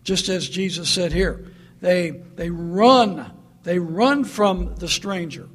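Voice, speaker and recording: A man's voice: sits high, slow pace, a bit bright. A man preaching a sermon in an earnest, emphatic way, repeating his points.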